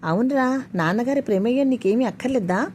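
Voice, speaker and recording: A woman's voice: on the high side, animated, brisk, a little mellow, slight background noise, pitched above the performer's own voice, lightly acted. A woman voicing a tearful middle-aged mother who pleads and falters as she speaks in a spoken story. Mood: pleading.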